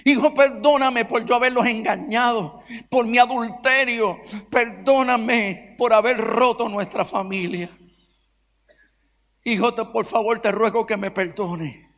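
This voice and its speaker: A repentant older father pours out his apologies in a high, slow, pleading voice, as a male preacher acts him out in his sermon. The long reverb of a church auditorium trails behind every phrase. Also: steady tone, fairly bright tone, a little hiss or hum, heavily acted. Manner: pleading, emotional, repeated appeals. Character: remorseful older father begging his son's forgiveness. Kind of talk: sermon storytelling.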